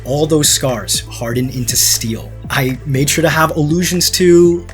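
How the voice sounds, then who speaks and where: A man's voice: fairly high pitch, measured pace, soft background music. A young man hosting, narrating his design story in a dramatic scripted way with casual asides. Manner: dramatic storytelling, then laughing banter. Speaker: artist and channel host.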